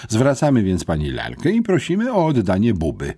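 A man's voice: medium pitch, huge pitch swings, fairly quick, dark tone, slightly rough, voice pushed up. A man reading an audiobook voices a gloomy, sarcastic teenage boy detective who speaks dryly and likes to philosophize. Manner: dry, sour, philosophizing.

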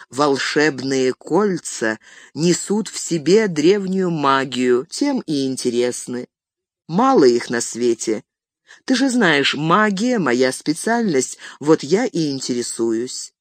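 A reader voicing an old male wizard who speaks calmly and measuredly, turning stern, in an audiobook reading. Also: mid-range voice, no room sound. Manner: calm, measured, stern at times.

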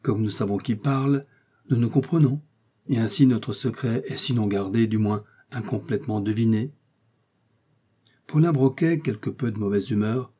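A man reading a novel aloud as an audiobook narrator, with a measured storytelling delivery. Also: fairly low pitch, warm tone, slightly rough. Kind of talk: scripted narration.

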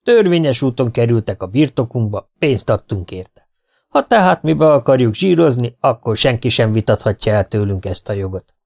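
A man voicing a stubborn, tough male coach speaking slowly and matter-of-factly. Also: mid-range voice, very animated, gravelly, darkish tone.

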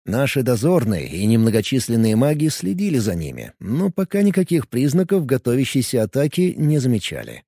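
A man narrating a fantasy novel in first person with lively storytelling. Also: mid-range voice, brisk, creaky, few pauses, husky, dry recording, studio quality. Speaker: audiobook narrator.

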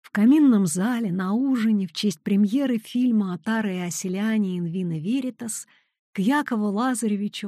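A woman's voice: mid-range voice, a little mellow, no room sound, clean studio sound. A woman reading her own wry literary anecdotes aloud, with quoted dialogue.

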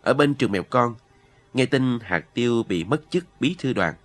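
A man's voice: medium pitch, lively intonation, normal speed. Man narrating a novel aloud. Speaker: audiobook narrator. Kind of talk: audiobook narration.

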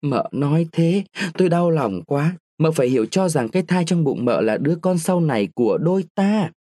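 A man doing a smug persuasive older gentleman. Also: on the high side, expressive, moderate pace, no echo, studio quality, voice pushed up. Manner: persuasive, lecturing.

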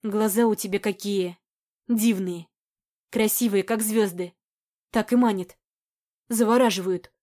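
A woman voicing a passionate young man in a romance audiobook, speaking in a hushed, slightly husky tone. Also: mid-range voice, fairly even intonation, measured pace, pauses often, close to an everyday voice. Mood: tender. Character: passionate tender young man, hoarse-voiced lover.

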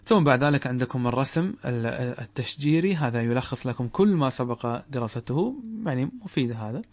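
A man's voice: mid-range voice, lively intonation, fairly quick, a little mellow. A man from Saudi Arabia, teaching a grammar lesson and asking his students questions. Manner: asks students questions and answers them. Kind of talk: classroom lesson explaining a text.

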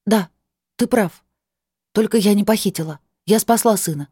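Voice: mid-range voice, moderate pace, warm tone, slightly rough, no echo, studio quality, pitched above the performer's own voice, lightly acted. A narrator voicing a fiercely protective young mother who talks urgently and indignantly. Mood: desperate.

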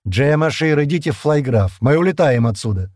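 A gruff male space crewman growls his curt replies, as a man reads him. The voice is husky and dark, recorded dry and close. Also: on the low side, lively intonation, normal speed, dry recording.

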